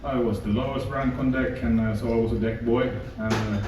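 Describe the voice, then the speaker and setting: A man's voice: medium pitch, steady tone, a little fast, noisy background. A man from Finland, a ship's captain being interviewed on stage, joking dryly and talking unhurriedly. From Åland Islands, Finland. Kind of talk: stage interview, casual chat. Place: ship atrium stage. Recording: echoey onboard atrium, distant mic.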